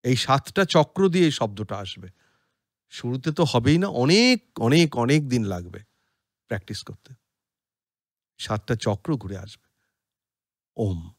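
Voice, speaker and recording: A man with a Bengali accent giving an explanatory spiritual talk, chanting Sanskrit verses slowly and deliberately. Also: medium pitch, very animated, no room sound, clean studio sound. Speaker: podcast speaker on scripture.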